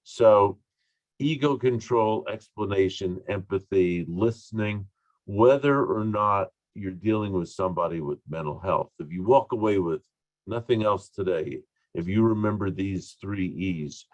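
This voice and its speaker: A man giving an online training talk on communication, deliberate and emphatic, with asides and fillers, recorded over a video call. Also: deep voice, dry recording, muffled recording.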